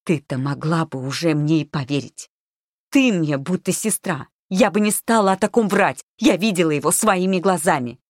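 A woman's voice: lowish voice, normal speed, dark tone, no room sound, clean studio sound. A woman voicing a frightened, defiant orphan girl who speaks in an insistent, pleading way. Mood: desperate pleading.

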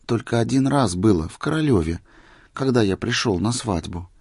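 A man reading aloud, voicing a meek, gentle wandering holy fool in a plain, humble way. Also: fairly low pitch, expressive, moderate pace, husky, dry recording, studio quality. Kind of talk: story reading.

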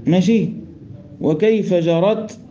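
A man's voice: sits high, slow pace, mellow. A man with an Egyptian accent teaching a class on Quran recitation rules, explaining step by step, quizzing his students and chanting verse quotations. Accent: Egyptian Arabic. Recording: dull lo-fi recording.

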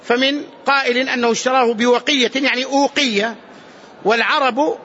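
High sharp-voiced sheikh teaching hadith in a mosque, keeps repeating himself, checks everyone's following, muffled recording. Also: male voice, a little fast. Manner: explanatory, repeats key phrases, asks students if understood.

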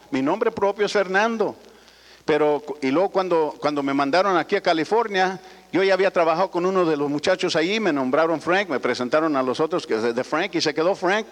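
A man's voice: a little high, fairly quick. An older man tells a rambling, folksy personal story to an audience, often adding little tag questions. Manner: folksy, rambling, frequent "¿verdad?" tags. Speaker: speaker addressing business associates. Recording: long hall reverb.

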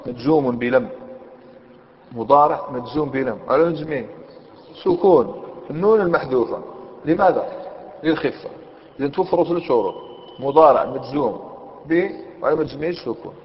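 Male grammar teacher, mid-pitched, methodical with frequent questions to the class; dull recording, long hall reverb. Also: moderate pace, pauses often. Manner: explains step by step, asks students questions. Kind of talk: Arabic grammar lesson.

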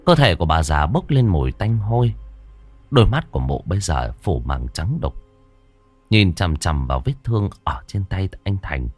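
A man reading a horror story aloud in a dramatic, expressive way. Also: deep voice, normal speed, no echo, faint music behind. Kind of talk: scripted horror story narration.

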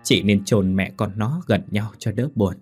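Audio drama: male narrator playing a scheming older woman, low and husky, barely changed. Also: a little slow, a little mellow, soft background music. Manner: pleading, cool. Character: scheming calm older woman, mother-in-law.

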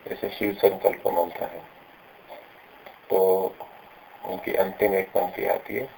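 A man teaching pronunciation, explaining patiently and slowing down to stress syllables when he demonstrates. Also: sits low, flat delivery, vocal fry, dark tone, a little hiss or hum, rough recording. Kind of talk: explanatory lesson with recited examples.

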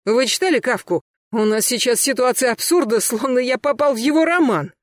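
A reader voicing an agitated male suspect who shouts and protests his innocence under interrogation. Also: medium pitch, animated, brisk, dry recording, clean studio sound, pitched above the performer's own voice, close to an everyday voice. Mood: indignant shouting. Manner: shouting, indignant, defensive. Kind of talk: audiobook character voice.

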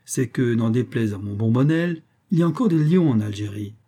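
A man playing a boastful, excitable lion hunter. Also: mid-range voice, a little fast, breathy edge. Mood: triumphant. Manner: exclamatory, indignant outbursts.

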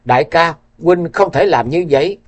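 A man's voice: a little high, normal speed, voice pushed up, close to an everyday voice. Guy putting on a crying young fairy girl, pleading, storybook. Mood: grieving. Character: young woman fairy warrior, grief-stricken daughter.

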